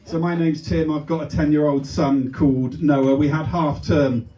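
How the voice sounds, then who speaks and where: A man's voice: on the high side, steady tone, normal speed, lo-fi sound, noisy background. A man, doing a stand-up comedy set and chatting with and teasing the crowd. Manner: chatty, teasing the crowd, shouted voices for the punchlines. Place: comedy club stage before a live audience. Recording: echoey club recorded from a distance.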